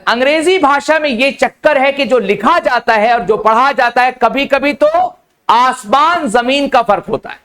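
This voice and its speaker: एक पुरुष शिक्षक जो कोचिंग क्लास में छात्रों को "बेटा" कहकर समझाते हुए अंग्रेज़ी पढ़ा रहे हैं।. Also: male voice, extremely high pitch, measured pace. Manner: addresses students as beta, lively and coaxing. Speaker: English teacher. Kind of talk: classroom lecture. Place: coaching classroom.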